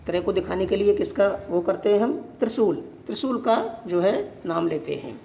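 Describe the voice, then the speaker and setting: A teacher giving a Sanskrit grammar lesson, asking questions and answering them, repeating points slowly. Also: medium pitch, expressive, vocal fry, mellow, slight background noise. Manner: poses questions and answers them, slow and repetitive. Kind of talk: classroom-style grammar lesson.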